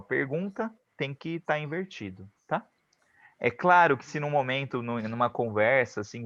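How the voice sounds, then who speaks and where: Slow, patient man teaching English. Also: mid-range voice, a bit bright, no room sound, lo-fi sound. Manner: says English examples slowly and clearly, then translates; often checks in with "tá bom?". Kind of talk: online class, explaining grammar.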